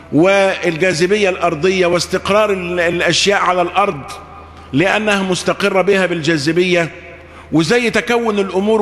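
A male preacher delivers a Friday sermon in a high-pitched voice. He explains patiently, repeats his phrases and poses questions to the congregation. The sound rings with long reverb from a large hall. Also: a bit bright.

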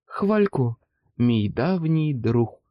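A man's voice: mid-range voice, expressive, very slow, no echo, dull audio. A man voicing a kind female talking poem in a storybook, speaking in lilting verse. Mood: welcoming.

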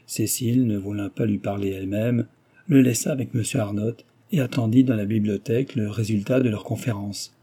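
A man reading a classic novel aloud as steady, scripted narration. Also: on the low side, a little fast, slightly rough. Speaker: audiobook reader.

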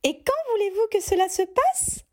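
A woman voicing a fussy middle-aged mother witch who protests in a high, insistent voice. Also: animated, moderate pace, darkish tone. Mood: protesting.

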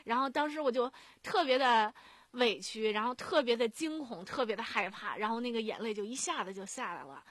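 A woman's voice: fairly high pitch, animated, brisk, fairly bright tone, no room sound. A woman who works as an emergency nurse tells her own stories in a radio interview. She speaks plainly and earnestly, with many fillers and restarts. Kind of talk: personal storytelling in a radio interview.

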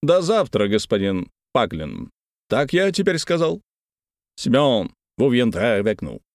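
A man plays a self-important official in a storybook reading, handing out orders with lofty condescension. The voice has lively swings and a close, dry sound. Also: mid-range voice, measured pace, dry recording. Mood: commanding. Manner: commanding, condescending.

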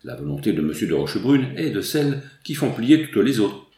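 A man's voice: fairly low pitch, big pitch swings, a little fast, mellow, reverberant. Césarine, a man reading a proud young noblewoman. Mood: firm, composed. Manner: firm, composed, formal. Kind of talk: audiobook reading.

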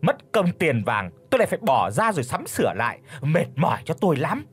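A man voicing a spiteful old woman, a bullying mother-in-law, in a shrill, sharp-tongued scolding voice. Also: big pitch swings, husky, heavily acted. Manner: scolding, fast accusing questions. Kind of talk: audiobook character voice.

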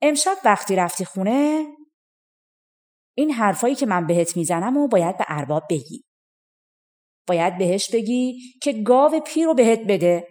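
A woman voicing an old talking cow from a folk tale, giving calm, confiding advice. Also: medium pitch, long pauses, natural voice.

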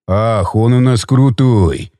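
A man voicing a vengeful young male surfer in an audiobook, with a taunting, drawling delivery in a deeper voice than his narration. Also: slow pace, warm tone, no room sound, studio quality. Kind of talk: audiobook character reading.

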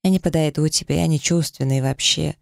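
Male narrator doing a scared young woman, pitched up and gravelly, dry audiobook read. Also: steady tone, a little fast, no echo. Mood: flustered. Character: frightened young woman, anxious and defensive.

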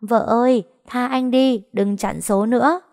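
A woman voicing a carefree young woman in a storybook reading, bold and jokey, her voice raised higher. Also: expressive, moderate pace, a little mellow, lightly acted. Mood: teasing. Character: cheeky carefree young woman, teasing and playful.

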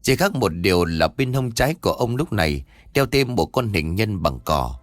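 A man's voice: on the low side, normal speed, no echo, studio quality. A man narrating a scripted horror story and voicing its characters himself. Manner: lively, voices the characters' dialogue himself.

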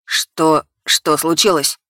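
A woman's voice: low-pitched, steady tone, slow, bright, forceful tone, no echo, studio quality, exaggerated voice. A woman voicing a bewildered, furious teenage boy in an audiobook, speaking harshly and accusingly. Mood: confused.

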